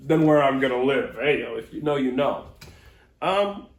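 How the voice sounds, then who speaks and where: A man's voice: mid-range voice, expressive, normal speed, creaky. A young man hosting a casual interview chat, joking and laughing often. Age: young adult. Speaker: host. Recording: roomy with faint noise.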